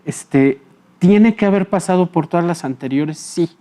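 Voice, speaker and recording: A man with a dark, mellow voice talks as a psychologist guest. He explains in a calm, patient way, pauses on filler words and checks that his listener follows him. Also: high-pitched. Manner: frequent filler hesitations. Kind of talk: explanatory interview talk.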